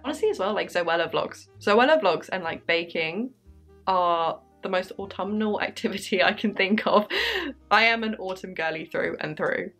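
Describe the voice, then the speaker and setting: A woman's voice: medium pitch, fairly bright tone. An English woman of twenty-six, chatting upbeat and apologetic while answering viewer questions in her bedroom, her throat a little dry. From England. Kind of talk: casual Q&A vlog. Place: bedroom with candles.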